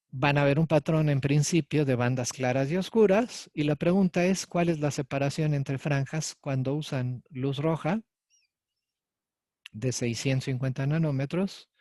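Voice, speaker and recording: A man's voice: fairly high pitch, darkish tone, dry recording, studio quality. A man, a university lecturer explaining a physics lesson to students and checking in with them often. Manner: explanatory, addresses students directly with frequent "¿sí?" and "ok". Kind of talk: recorded lecture.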